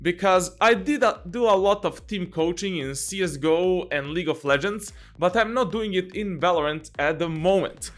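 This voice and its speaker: High-voiced joking young man. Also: normal speed, hardly any pauses, fairly bright tone. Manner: jokey, laughs often, many fillers and restarts. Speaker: channel host and game coach. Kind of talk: casual Q&A vlog.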